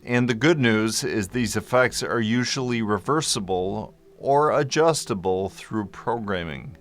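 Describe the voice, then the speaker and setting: Here a man with a fairly low, slightly bright voice speaks at a measured pace. He's vlogging casually to camera into a microphone in front of him, explaining a topic, fixing his own slips as he goes and tossing in jokes aside.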